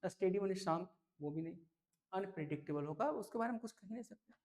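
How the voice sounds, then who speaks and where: A man teaching English vocabulary for an entrance exam, lively and repetitive, often checking whether students follow. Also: high-pitched, quick pace. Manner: lively, repeats key words, asks "clear?" often. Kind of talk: exam-prep vocabulary lesson.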